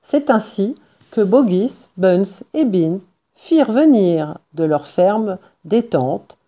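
A woman reading a children's book aloud, with slow, expressive narration. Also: medium pitch. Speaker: storyteller.

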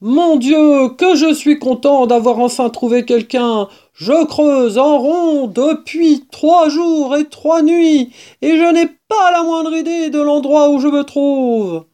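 A woman's voice: fairly high pitch, steady tone, voice pushed up. Blaireau, a woman voicing a panicked old badger. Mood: alarmed. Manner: loud, drawn-out, anguished outbursts. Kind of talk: storybook character voice.

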